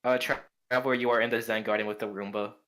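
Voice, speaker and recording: A young man running a tabletop game, his voice bright and lowish. He narrates in a flat, even tone, wandering through his descriptions with plenty of "like" and "kinda". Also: fast talker, low-quality recording. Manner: meandering description full of "like" and "kinda". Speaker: game master.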